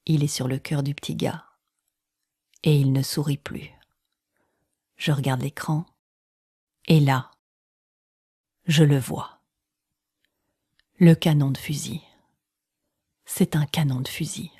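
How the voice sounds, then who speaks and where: Woman storyteller, deep warm register, very dry close sound, confiding first-person narration, dramatic pausing. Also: dry recording. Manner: dramatic pauses, dropping into near-whispers, acting out quoted speech.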